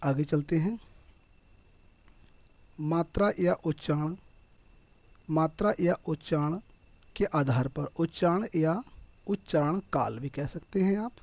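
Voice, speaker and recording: Hindi-accented male teacher, mellow and dry. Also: a little high, takes it slowly, pauses often, no room sound. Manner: explains step by step, asks and answers his own questions. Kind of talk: exam-prep lecture.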